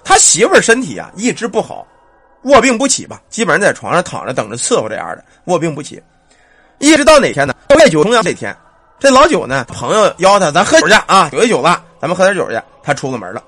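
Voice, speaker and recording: A man's voice: high voice, wildly swooping pitch, quick pace, fairly bright tone, slightly rough, no echo. A man telling a ghost story in a chatty, colloquial way, speaking straight to his listeners.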